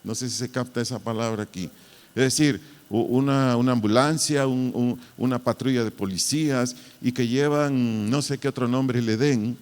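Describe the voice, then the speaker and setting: An impassioned male pastor with a Mexican accent preaches in a middle-pitched voice, throwing rhetorical questions at his congregation. His voice carries the long reverb of a church hall. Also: moderate pace, darkish tone. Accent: Mexican Spanish. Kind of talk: sermon.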